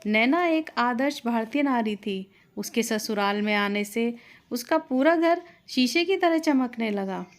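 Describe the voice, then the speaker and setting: A woman's voice: a little high, a little slow. Woman telling a family story. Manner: steady, plain storytelling. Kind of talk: scripted story narration.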